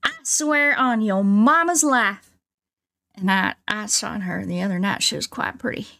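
Gaming on a livestream, a woman talks to her viewers in an exaggerated Southern drawl, folksy and full of exclamations like a country bumpkin. Her mid-range voice is a little slow, creaky, pushed and bright, captured on a close streaming mic.

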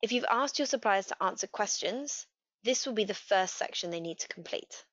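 A woman gives a scripted software walkthrough in a steady, clear voice. The recording is dry, with no room sound. It is also a little dull in tone. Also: medium pitch, normal speed, dry recording. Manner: steady, clear step-by-step instruction. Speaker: customer success manager. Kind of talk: scripted software tutorial narration. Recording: dry, slightly dull voice-over.

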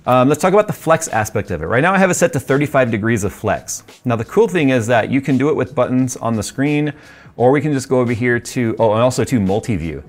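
A man's voice: medium pitch, expressive, fast talker. A man in his forties casually reviewing tech gear, talking in a chatty, rambling way with frequent ums and laughs, in a studio room with a desk setup. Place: studio workshop and desk setup with purple and red lighting.

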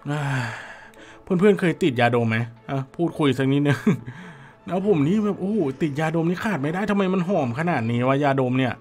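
A hoarse man with a Thai accent, chatting excitedly with his viewers while commentating an online slot game. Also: a little high, a little fast, faint music behind. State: hoarse, dry voice.

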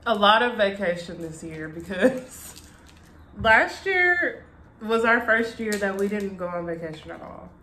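A woman's voice: medium pitch, animated, measured pace, bright, forceful tone. A young woman co-hosting a mukbang in casual chat, chewing while she talks. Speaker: mukbang video co-host. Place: indoor room at a table. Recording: echoey room, light background noise.

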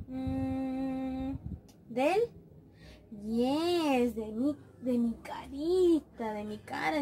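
Slow, coaxing woman teaching small children. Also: high voice, darkish tone, slight background noise. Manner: slow, coaxing, drawn-out repetition of words. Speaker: preschool teacher.

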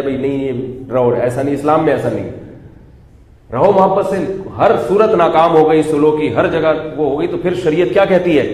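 A man giving a conversational religious lecture, animated, putting rhetorical questions to his audience and joking now and then. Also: a little high. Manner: humorous asides that draw laughter. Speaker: Islamic scholar giving a weekly talk. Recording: echoey hall with faint background noise.

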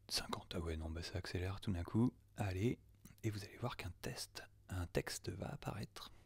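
A low-voiced man from France talks through a software test in a relaxed, chatty way. His voice has a gravelly edge, and he fills pauses with frequent hesitations. He slips into muttered asides half under his breath, and the sound is close and dry. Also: dry recording. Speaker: audio producer demoing software. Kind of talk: casual screen-recorded software test.

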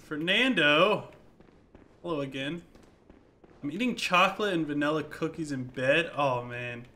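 A man's voice: fairly high pitch, moderate pace, bright, forceful tone. A man giving laid-back, chatty commentary while streaming a game, chuckling often. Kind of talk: casual gameplay commentary.

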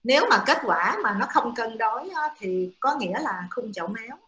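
A woman lecturing to a class, explaining slowly with frequent hesitant fillers. Her voice sits a little high and sounds bright and sharp. The room around her is echoey. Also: lively intonation.

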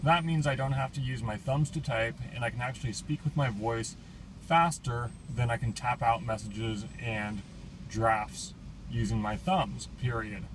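A man dictating text to a phone in deliberate, measured phrases, speaking punctuation aloud. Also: mid-range voice. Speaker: tech reviewer. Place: inside a car on a city street. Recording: clear urban street and car noise.

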